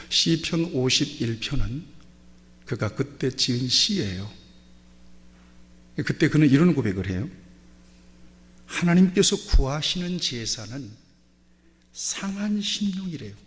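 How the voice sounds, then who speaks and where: A male pastor preaching a sermon, telling Bible stories and acting out quoted prayers and dialogue. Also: medium pitch. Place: church sanctuary. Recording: long hall reverb.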